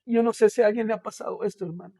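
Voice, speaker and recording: A man who is a pastor, with a Guatemalan Spanish accent, tells his faith testimony in an earnest, halting way and keeps calling the listener "hermano". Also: high voice, fairly even intonation, warm tone, no echo. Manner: halting, with many restarts and fillers. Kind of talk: personal faith testimony in a podcast interview.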